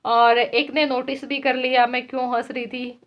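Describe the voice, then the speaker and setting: Brief: bright-pitched woman vlogger, chatty and laughing, muffled lo-fi home recording. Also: little pitch movement, moderate pace. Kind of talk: casual chat to viewers. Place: village home. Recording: dull lo-fi sound.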